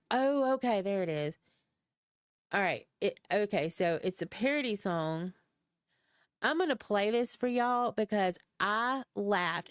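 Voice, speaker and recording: A woman's voice: mid-range voice, no echo, studio quality. A woman with a Southern US accent chatting casually on a live stream, rambling and self-deprecating. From American South. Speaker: streamer host.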